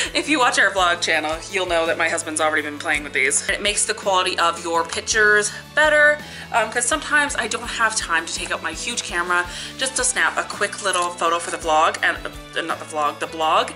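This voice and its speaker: Sniffly from a cold yet upbeat, a young woman from Canada who vlogs about beauty and family talks casually to a close camera in her living room, a lit Christmas tree behind her, filling her speech with "likes" and "ums." Her voice is lowish, animated and brisk, with music playing in the background.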